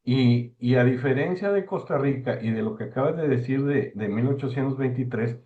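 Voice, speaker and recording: A man giving an informal talk, halting and repeating words for emphasis. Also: medium pitch. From Mexico. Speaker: speaker giving a talk on postal history. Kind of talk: informal lecture discussion. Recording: thin phone-like online call audio.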